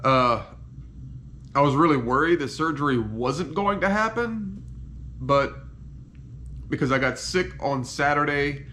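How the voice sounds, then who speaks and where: A slow-speaking man gives a casual, unscripted recovery update in halting phrases that often trail off. He is in pain after surgery, on painkillers and stuffed up with a cold, with faint noise behind him. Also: a little high, animated, sharp tone. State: congested from head cold and sinus trouble. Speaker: patient giving a recovery update. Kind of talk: casual personal video diary, unscripted.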